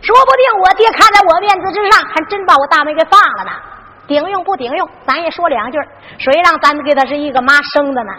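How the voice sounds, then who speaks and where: A woman's voice: high-pitched, fast, sharp tone, big-room sound, poor audio. A woman narrating a Henan zhuizi ballad story in an emphatic, chanted storytelling manner.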